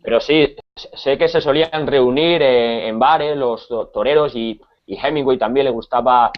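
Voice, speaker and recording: The audio is dull as a medium-pitched man from Spain, speaking with a Spanish accent, runs a conversational Spanish lesson. He often stops mid-flow, repeating himself and adding fillers.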